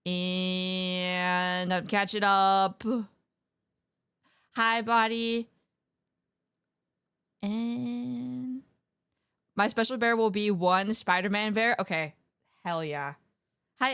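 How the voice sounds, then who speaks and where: A woman's voice: a little high, extremely slow, long pauses, a bit bright, smooth, no room sound, studio quality. A woman livestreamer chatting casually with her viewers in a playful, slangy gamer manner, scattered and often interrupting herself. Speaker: livestreamer hosting an art stream.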